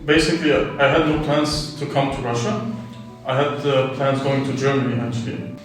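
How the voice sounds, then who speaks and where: A man talks in a relaxed, chatty way, filling his answers with "like." His voice sits in the middle range and comes from a distance, in a very echoey room. Music plays underneath. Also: medium pitch, normal speed. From Lebanon. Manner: relaxed, uses "like" as filler. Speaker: English teacher. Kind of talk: casual interview answers.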